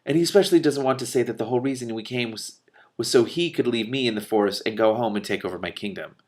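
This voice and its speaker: While reading aloud from a fantasy novel, a man raises his voice higher and louder for the dialogue. Brief, lively interruptions follow the passages, full of muttering, laughing and swearing, as he comments on what he reads.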